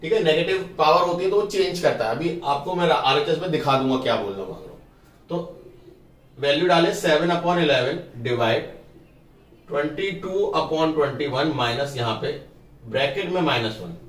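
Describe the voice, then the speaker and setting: A man's voice: fairly high pitch, lively intonation, normal speed, far from the mic. A man teaching math in a casual classroom style, talking through each step of the working and checking that pupils follow. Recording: roomy, from off the mic.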